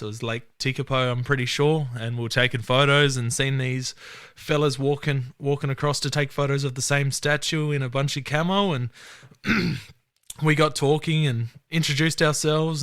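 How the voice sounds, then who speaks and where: An Australian man hosting a podcast, chatting in a relaxed way with laid-back slang. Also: mid-range voice, clear, resonant tone, dry recording, clean studio sound. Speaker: podcast host. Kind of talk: casual interview chat.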